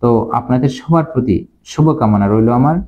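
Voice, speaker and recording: Slow, patient male language teacher. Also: medium pitch, warm tone, lo-fi sound. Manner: slow, repeats each phrase word by word. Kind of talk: Chinese lesson explained in Bengali.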